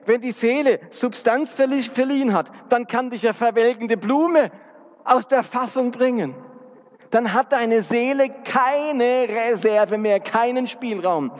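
A man's voice: very high-pitched, a little slow. A man preaching a sermon, earnest and speaking directly to his congregation. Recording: dull recording with long hall reverb.

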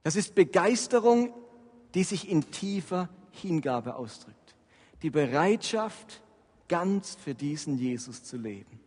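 High-voiced man preaching in a reverberant hall. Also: slow. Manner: animated, emphatic preaching with frequent rises in loudness. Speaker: pastor. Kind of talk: sermon.

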